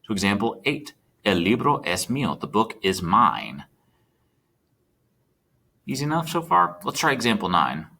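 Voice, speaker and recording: A man's voice: fairly low pitch, big pitch swings, moderate pace, gravelly, long pauses, pushed and bright. A man teaching a recorded Spanish lesson, chatty and checking in with his students as he types. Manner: chatty, checks in with students, talks while typing.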